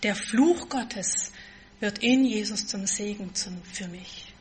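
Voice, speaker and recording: A woman preaching a sermon, stressing key words with force and then dropping to a soft, quiet tone. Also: mid-range voice, slow pace, slight background noise.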